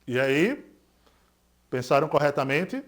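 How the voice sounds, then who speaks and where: A male English teacher with a Pernambuco Brazilian Portuguese accent gives a recorded lesson in a slightly high, very animated voice, taking it slowly. He's didactic, asks students rhetorical questions, confirms each point with "certo?", and says the English example words more loudly.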